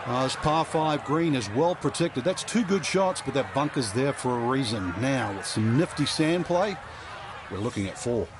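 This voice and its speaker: A male golf commentator explains the course in a conversational way, at an average pitch. Clear outdoor noise runs behind him. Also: expressive, moderate pace.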